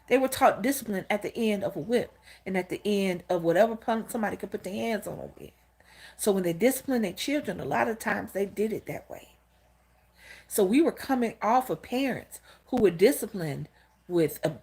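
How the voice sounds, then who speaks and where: Lively fifties woman chatting with viewers. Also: fairly high pitch. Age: 50s. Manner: candid, storytelling, talks straight to viewers. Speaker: channel host. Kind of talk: casual livestream talk greeting chat viewers.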